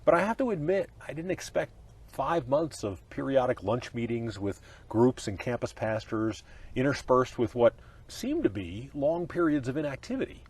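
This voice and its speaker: A middle-aged man, a pastor, giving a scripted leadership lesson outdoors at ball fields in an earnest, expressive manner. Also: medium pitch, normal speed, slightly rough. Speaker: pastor teaching a leadership course. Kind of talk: scripted teaching session.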